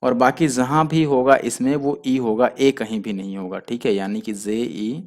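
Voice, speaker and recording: A man's voice: mid-range voice, fairly even intonation. A man teaching a spelling lesson for exam students, who explains patiently and spells words out letter by letter. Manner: explains patiently, spells letters out slowly, often adds "theek hai". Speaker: exam prep tutor.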